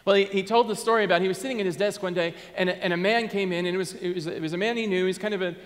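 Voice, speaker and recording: Southern US pastor, 30s, mid-high voice, earnest sermon from the pulpit, echoing sanctuary. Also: male voice, fairly even intonation, racing. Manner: earnest, drops to a soft hush on key words. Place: church sanctuary, in front of a Christmas tree. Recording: long hall reverb.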